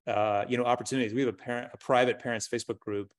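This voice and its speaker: A man's voice: medium pitch, fairly even intonation, rapid-fire, no echo, studio quality. A man who leads a school, speaking on a video-call panel and running through a list of ideas with many fillers along the way. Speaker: school leader. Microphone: webcam on a video call.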